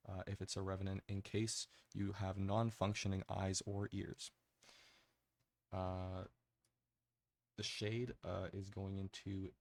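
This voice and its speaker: A man's voice: darkish tone, dry recording. A man giving casual, rambling ASMR gaming commentary in a hesitant way, close to the mic. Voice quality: low, gravelly.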